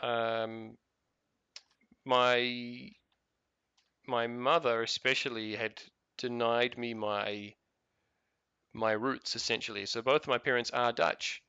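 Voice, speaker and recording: A man's voice: medium pitch, little pitch movement, slow, pauses often, pushed and bright, clean tone, no room sound, lo-fi sound. A man with a New Zealand accent chatting casually while playing a game, rambling with lots of fillers and restarts. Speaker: gaming video host.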